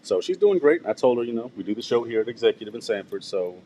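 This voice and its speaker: A man's voice: mid-range voice, animated, fast talker, crowd noise, rough recording. A man co-hosting a radio talk show, telling stories in a laid-back way and chuckling often. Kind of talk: casual chat.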